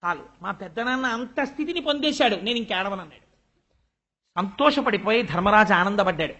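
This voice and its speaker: A man's voice: sits high, a little fast. An older man giving a spiritual discourse, telling stories and acting out the voices of the people in them. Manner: animated storytelling, acts out quoted voices. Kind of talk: Telugu religious discourse. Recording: dull lo-fi recording.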